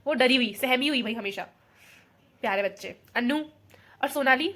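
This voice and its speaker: A woman's voice: fairly high pitch, normal speed, a bit bright. A young woman vlogging in casual chat, emotional and affectionate, rambling as she talks. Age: young adult.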